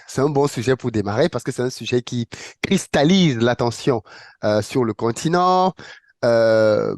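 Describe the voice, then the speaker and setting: A man's voice: mid-range voice, dry recording, studio quality. A man hosting an online interview, welcoming and a bit hesitant, with many fillers and repeated words. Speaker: host. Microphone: online call.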